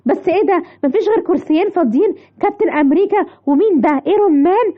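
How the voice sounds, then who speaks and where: A woman with an Egyptian accent voicing an excitable mother lioness who keeps exclaiming, in a children's story. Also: extremely high pitch, rapid-fire, dull audio. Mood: excited. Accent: Egyptian Arabic.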